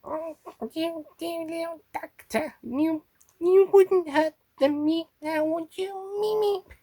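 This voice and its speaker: A woman voicing a small, cutesy, scheming alien creature in a squeaky, theatrical, wheedling voice for a fan parody. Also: slow pace, mellow, dry recording. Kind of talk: fan parody character voice recording.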